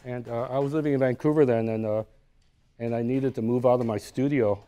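A man's voice: medium pitch, steady tone, fairly quick, warm tone, clear, resonant tone. A man giving a live lecture about his own artworks in a university room, talking conversationally, thinking aloud and often checking in with "right?". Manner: thinks aloud with frequent restarts.

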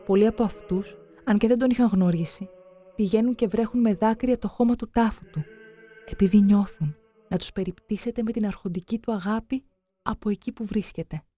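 A narrator giving a solemn, measured scripted reading for a religious documentary. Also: medium pitch, dark tone, soft background music.

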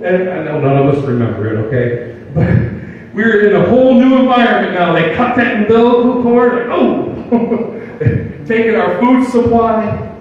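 Older male pastor, folksy sermon, raised pitch, distant mic with faint room noise. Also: a little mellow, muffled recording. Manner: folksy preaching with rhetorical questions. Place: church sanctuary. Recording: distant mic in a reverberant hall with faint ambience.

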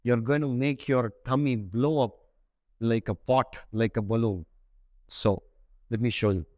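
A man in his forties teaches a breathing practice, explaining it in short, separated phrases. His pitch sits in the middle range for a man. The lapel microphone gives a very dry sound with little room in it. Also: fairly even intonation, unhurried, a little mellow, dry recording. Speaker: breathing meditation instructor. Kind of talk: spoken instructional lesson to camera. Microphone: clip-on lapel mic.

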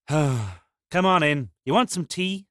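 A man's voice: fairly high pitch, animated, slow pace, fairly bright tone, no room sound. Field: a grumpy frog man. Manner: gruff and dry. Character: grumpy reclusive frog man bounty hunter. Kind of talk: full-cast audio drama.

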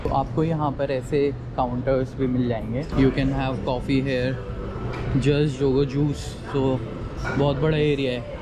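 A young man gives a relaxed walking tour, talking slowly and easily as he points out shops and counters. His voice sits at an ordinary middle pitch. Clear station bustle and ambience carry on behind him on the handheld camera mic. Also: background noise. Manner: unhurried, chatty, pointing things out as he walks. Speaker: travel vlogger. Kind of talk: casual walking-tour narration, mixing Hindi and English. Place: large indoor train station hall. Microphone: handheld action camera.

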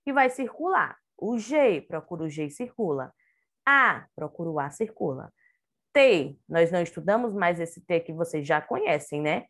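A woman teaching an online phonics lesson to young children, with a Brazilian Portuguese accent, sounding out words syllable by syllable. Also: medium pitch. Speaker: kindergarten teacher.

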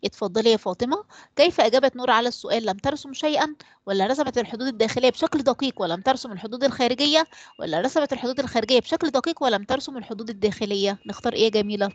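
A woman's voice: a little high, racing. A woman teacher with an Egyptian accent running an online class, quizzing pupils by name and leaving blanks in her sentences for them to fill in. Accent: Egyptian Arabic. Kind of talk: online class quiz and explanation.

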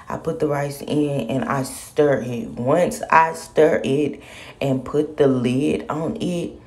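In a relaxed voice-over set in her own kitchen, a woman whose voice is deep and raspy talks her audience through a recipe step by step, chatty and easygoing, for her home cooking vlog.

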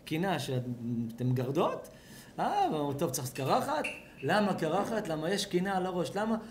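A man, a rabbi, giving an animated sermon at a home gathering, asking the audience questions and acting out voices. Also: fairly high pitch, slight background noise. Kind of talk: lively sermon at a house blessing.

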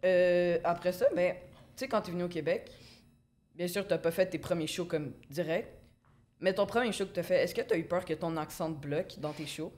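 A man's voice: sits high, moderate pace, a little mellow. Man hesitantly asking interview questions. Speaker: podcast host.

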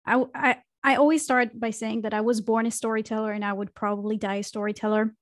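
Talking fast in a level, slightly high voice with no room sound, a woman from Israel recounts her career as a podcast guest. A marketing consultant, she joins the casual interview by video call from a small home room using a studio mic, reflective and full of fillers and restarts.

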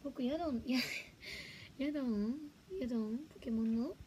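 A woman's voice: fairly high pitch, normal speed, warm tone, a little hiss or hum. A young woman chatting casually on a livestream, giggling and reacting to viewer comments. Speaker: livestream host.

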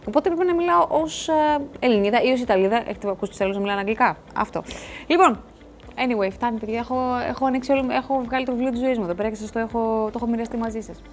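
A woman's voice: fairly high pitch, a little hiss or hum. A woman hosting a TV show, talking casually to the camera in a rambling way, full of asides and restarts. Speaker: TV show host. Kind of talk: casual studio chat to camera. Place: TV studio.

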